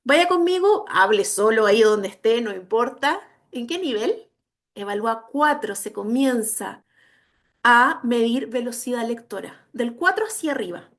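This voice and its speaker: Emphatic woman teaching with a high voice. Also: animated, measured pace. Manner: emphatic, checks understanding with frequent tag questions. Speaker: educational psychology instructor. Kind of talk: online training lecture.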